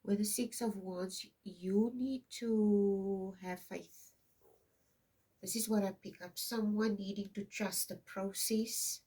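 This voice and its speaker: Slow and mellow, her medium-pitched voice keeps a fairly even intonation, captured from a distance. She's a fiftyish South African woman whose first language is Afrikaans, doing an informal intuitive card reading that wanders and is peppered with "okay?".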